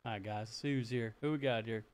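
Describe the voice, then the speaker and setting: A man's voice: medium pitch, steady tone, moderate pace. A male streamer chatting casually and joking with his friends while playing a shooter game. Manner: folksy, joking, greets friends warmly. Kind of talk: casual live-stream chat while gaming.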